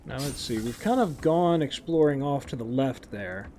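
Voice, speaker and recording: A man's voice: mid-range voice, lively intonation, moderate pace, warm tone, slight background noise. A man casually narrating his own gameplay as a streamer, talking to himself with wry, sarcastic asides.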